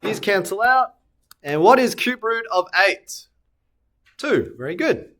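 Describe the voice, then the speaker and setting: A man's voice: high-pitched, lively intonation, measured pace, fairly bright tone. Man talking through a maths lesson. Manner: talks students through steps, asks and answers own questions; self-correcting while sketching on screen. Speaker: maths teacher. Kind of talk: recorded maths lesson walkthrough.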